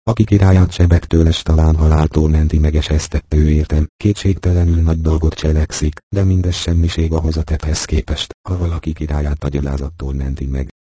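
A man's voice: rumbling low, fairly even intonation, hardly any pauses, mellow, no room sound. A man voicing a proud, indignant boy king who speaks in a solemn, declaiming way.

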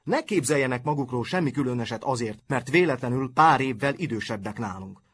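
A man voicing a polite but hot-tempered top-student boy, with a husky voice. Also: medium pitch, expressive, a bit bright, a little hiss or hum, natural voice. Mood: indignant. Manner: indignant, formally polite.

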